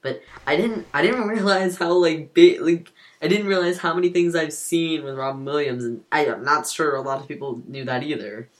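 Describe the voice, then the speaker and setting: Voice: mid-range voice, moderate pace, few pauses. A podcast co-host chatting casually, rambling and restarting sentences as they tell a story. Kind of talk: casual chat.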